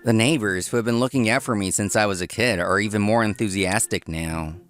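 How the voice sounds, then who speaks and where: A man's voice: fairly low pitch, brisk, fairly bright tone, faint music behind. A man reading scripted first-person narration with acted dialogue as a dry restaurant owner in a comic dub. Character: dry, workaholic young male restaurant owner.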